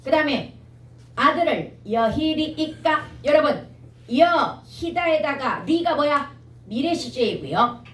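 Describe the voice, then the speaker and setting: A woman teaching Korean grammar for exam prep, talking briskly and quizzing students with rhetorical questions. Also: sits high, sing-song, fairly bright tone, roomy sound, far from the mic, poor audio.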